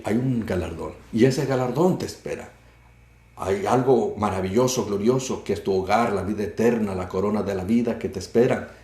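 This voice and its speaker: Male pastor, mellow low voice, fervent sermon cadence, roomy echo. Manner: fervent, repetitive preaching cadence.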